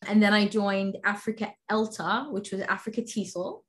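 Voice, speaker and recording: A woman's voice: mid-range voice, fairly even intonation, moderate pace. A woman from Sudan, a guest in an interview, talking enthusiastically with many fillers and restarts. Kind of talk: interview conversation.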